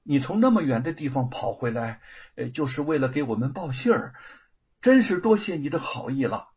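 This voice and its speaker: A man voicing a brave, kindly swordswoman wife with a gentle, gracious manner, in a storybook reading. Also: mid-range voice, big pitch swings, moderate pace, husky. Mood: grateful. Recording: dull lo-fi recording.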